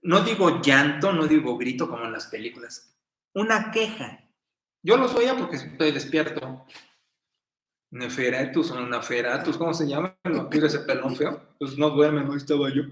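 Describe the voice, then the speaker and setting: Mexican preacher in a roomy echo. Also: male voice, fairly high pitch, animated, moderate pace. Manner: conversational and storytelling, with folksy asides and sudden loud emphasis. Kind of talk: sermon.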